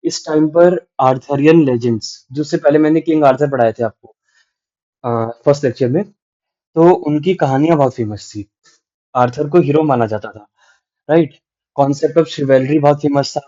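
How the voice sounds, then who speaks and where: A man's voice: a little high, moderate pace, mellow. A man teaching a literature lecture in mixed Hindi and English, explaining patiently and checking in with "right?". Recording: dull lo-fi sound.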